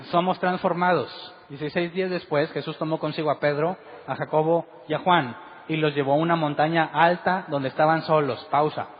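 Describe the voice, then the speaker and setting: A man's voice: a little high, steady tone, normal speed. A man preaching a sermon as pastor, asking the congregation one rhetorical question after another. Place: church hall. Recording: dull recording with long hall reverb.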